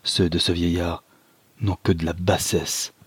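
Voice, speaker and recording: A passionate young man speaks with vehement feeling, as a narrator voices him. His tone is deep and slightly husky. The sound is dry and close. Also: level tone, measured pace, dry recording, full character voice. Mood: disgusted. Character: passionate young male lover.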